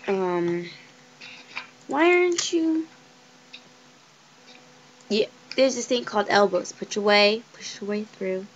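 A young woman giving chatty, excitable commentary over a life-sim game she is playing. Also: mid-range voice, takes it slowly, pauses often, lo-fi sound, a little hiss or hum. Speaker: let's play gamer.

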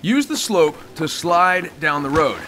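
A man's voice: on the high side, big pitch swings, a little slow, fairly bright tone, a little hiss or hum. An actor voicing a cocky, wisecracking male squadmate who coaches a rookie through a game tutorial with teasing jokes. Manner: teasing, joking, bouncy delivery. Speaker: tutorial guide character. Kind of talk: game voice acting.

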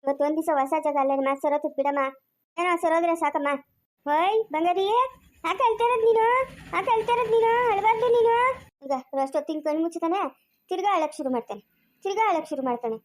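A woman's voice: very high-pitched, quick pace, a little mellow. A woman acting a fretful, quarrelsome village woman in a homemade family drama, speaking with a rural Chikkaballapur Kannada accent and scolding, exclaiming and repeating her questions.

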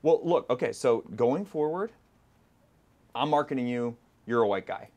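A man's voice: mid-range voice, animated, normal speed, a little mellow, lo-fi sound, lightly acted. A man playing a stammering, clueless agent. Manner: stammering, rambling. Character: clueless, rambling male talent agent. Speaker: talent agent.

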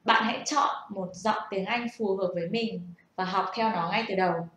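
A woman's voice: medium pitch, moderate pace, fairly bright tone. A young woman gives a casual, patient spoken lesson and asks the listener rhetorical questions. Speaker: self-taught English learner sharing tips. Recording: echoey room.

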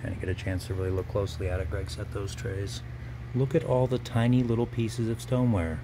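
Brief: lower-voiced man, brisk auctioneer walkthrough, phone-filmed, faint background hum. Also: fairly even intonation. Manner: brisk item-by-item listing. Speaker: auctioneer previewing lots. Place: large auction gallery warehouse. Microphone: handheld phone camera.

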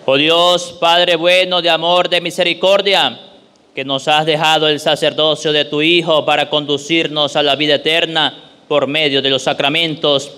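A man's voice: on the high side, flat delivery, sharp tone, clear, resonant tone. Solemn man in a reverberant church. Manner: measured, solemn recitation. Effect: long church reverb. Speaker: leader of prayers at Mass. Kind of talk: liturgical reading. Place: large church. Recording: echoey church with faint room noise.

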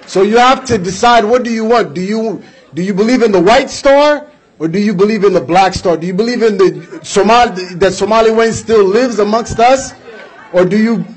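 A young US-raised man gives a passionate political speech at a community event through a podium mic on a stand, in an indoor hall with flags behind him. His high, husky voice moves at a moderate pace, the audio quality is poor, and he gestures, repeats himself and uses rhetorical questions to press his argument.

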